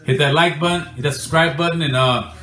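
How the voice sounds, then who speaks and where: A man's voice: fairly high pitch, fairly even intonation, fast talker, noisy background. Blunt man. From Los Angeles area. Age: 40s. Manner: blunt, preachy street talk, calls the viewer "homeboy". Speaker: YouTuber. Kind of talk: direct-to-camera vlog. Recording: roomy, distant clip with faint music.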